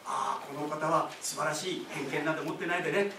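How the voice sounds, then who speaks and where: Speaking a little fast with some vocal fry, this high-pitched male pastor explains his sermon casually to the congregation, tossing in asides and questions. The mic sits far from him in a reverberant church hall, picking up faint ambience and background noise.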